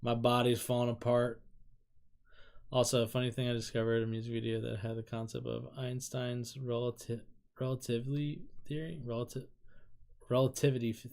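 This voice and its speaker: Here a man in his thirties who runs a K-pop reaction YouTube channel talks with a mid-range, slightly mellow voice and some vocal fry. His casual reaction-video chatter rambles, pokes fun at himself and dissolves into laughs.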